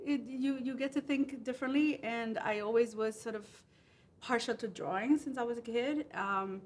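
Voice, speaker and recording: A Puerto Rican woman in her forties, a freelance animator and designer, is a guest at a table on an indoor studio set. Her voice is a little high and her speed normal as she chats casually and jokingly, with slight hiss or hum present.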